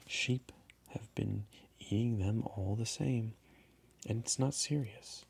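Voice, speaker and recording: A man's voice: fairly low pitch, gravelly, darkish tone, a little hiss or hum. A man voicing a small, earnest and indignant boy prince in a storybook reading, with insistent questioning.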